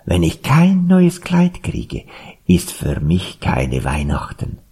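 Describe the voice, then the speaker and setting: A man's voice: sits low, wildly swooping pitch, takes it slowly, warm tone, husky, full character voice. A man voicing a vain peacock in a told animal story, whiny and self-important. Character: vain peacock fussing over new clothes.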